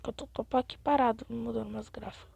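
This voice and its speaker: A young woman gives playful, excitable commentary over her gameplay. Her voice sits a little high, with a gravelly fry and a husky edge. The sound is dry and close. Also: fast, no room sound. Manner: chatty and excitable, addresses viewers, drops into whispers. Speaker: gaming channel host.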